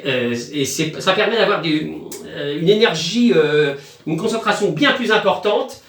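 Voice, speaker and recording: A man's voice: sits high, lively intonation, moderate pace, a bit bright, reverberant, recorded from a distance. A man chatting in a rambling, joking home video, with crude asides and chanted nonsense magic words. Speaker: video host.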